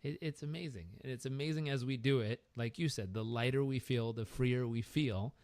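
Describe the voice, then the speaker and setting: A man's voice: mid-range voice, moderate pace, a little mellow, no room sound. A man hosting a podcast interview, encouraging and affirming his guest. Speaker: podcast host. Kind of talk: casual interview.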